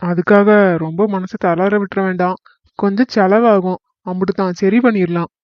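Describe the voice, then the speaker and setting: A fairly high, smooth-talking cartoon doctor, played by a man, calm on the surface but set on the fee. The sound is dry and a little dull. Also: moderate pace, dry recording, close to an everyday voice. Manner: reassuring but money-minded.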